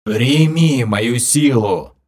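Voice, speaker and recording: A man voicing a gloating, bloody undead old woman with a grating voice, speaking slowly and solemnly in an audiobook. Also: mid-range voice, a little mellow. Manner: slow, solemn, gloating delivery. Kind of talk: audiobook character voice.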